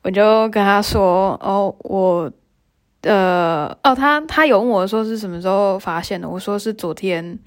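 Young woman podcast host, mid-pitched voice, chatty storyteller, laughs easily. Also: measured pace. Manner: chatty, laughs often, many fillers and restarts. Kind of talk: casual storytelling monologue.

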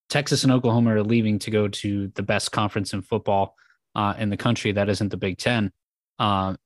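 A man's voice: lowish voice, no room sound. A man on a sports podcast asks long, wandering questions and chuckles often. His voice is close and dry, recorded with little room sound. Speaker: podcast co-host. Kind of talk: casual sports podcast chat.

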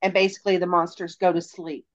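A woman's voice: on the low side, little pitch movement, fast talker, muffled recording. A woman who runs a haunted attraction, talking in chatty podcast conversation. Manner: chatty, many fillers. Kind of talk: casual podcast chat.

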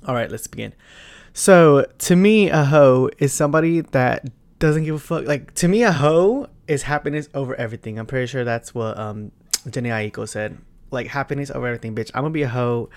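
A man in his twenties hosting a solo podcast, talking bluntly and profanely, with loud bursts and quiet asides. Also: medium pitch, fairly quick. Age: 20s. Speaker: podcast host. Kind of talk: casual solo podcast chat.

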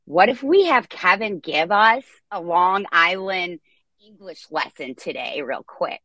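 A woman from Alabama with a Southern accent, co-hosting a casual talk show in a bubbly, excitable way. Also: on the low side, unhurried, dry recording. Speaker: co-host.

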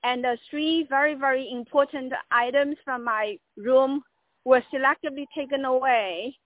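High-voiced woman caller on tinny phone line. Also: fairly even intonation, moderate pace, no echo. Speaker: caller making a complaint. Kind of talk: unscripted phone complaint.

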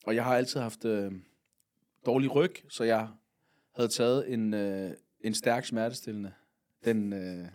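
A man's voice: fairly low pitch, steady tone, a little mellow. A man from Funen telling a long story as a podcast guest, rambling along with lots of fillers and casual swearing. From Funen, Denmark.

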